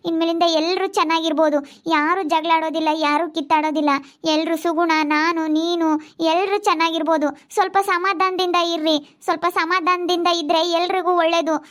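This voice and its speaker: A woman's voice: extremely high pitch, fairly bright tone. A woman playing a desperate young wife who pleads to stay. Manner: pleading, tearful. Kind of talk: amateur family drama skit.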